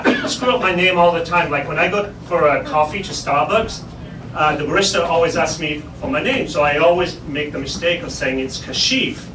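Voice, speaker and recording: A man with an English accent performs a stand-up set with dry, self-mocking punchlines. His voice sits high and swings widely in pitch. The recording is distant and roomy, with loud noise underneath. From Pakistan. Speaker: stand-up comedian. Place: improv club stage before a live audience.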